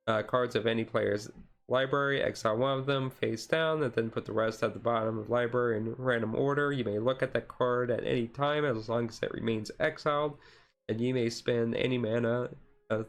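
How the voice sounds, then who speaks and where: Streaming a laid-back, ASMR-style card showcase, a man reads out the cards in an easygoing, halting manner. His mid-range voice is slightly rough, and he takes it easy on it.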